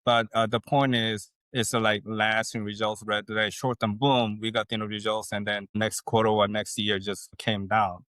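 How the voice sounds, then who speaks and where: A man, a guest on a podcast interview who explains things in a measured way with folksy sayings. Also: fairly low pitch, level tone, fairly bright tone, no room sound. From South Korea. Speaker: guest, leadership consultant.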